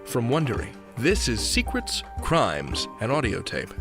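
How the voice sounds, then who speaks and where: A man's voice: medium pitch, huge pitch swings, unhurried, vocal fry. A man hosting a podcast, reading a scripted introduction in an upbeat, theatrical manner. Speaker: podcast host. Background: music.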